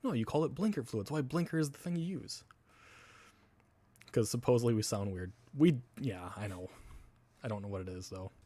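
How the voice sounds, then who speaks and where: A man's voice: mid-range voice, brisk, pauses often, dark tone, dry recording. A man from Wisconsin with a Wisconsin accent, rambling in casual live-stream chat with viewers, laughing often and swearing casually.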